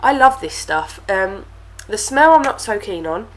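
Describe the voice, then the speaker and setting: A young beauty vlogger reviews products to camera in a casual, chatty way, sounding stuffy from a cold and leaning on fillers and repeated words. Her medium-pitched voice has lively intonation and a measured pace, though the audio is poor.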